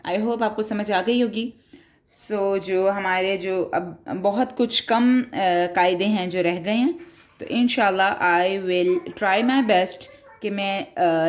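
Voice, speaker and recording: A woman teaching Quran reading in a recorded tutorial, explaining each rule patiently, step by step. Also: mid-range voice. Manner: patient, explains step by step, mixes in English words.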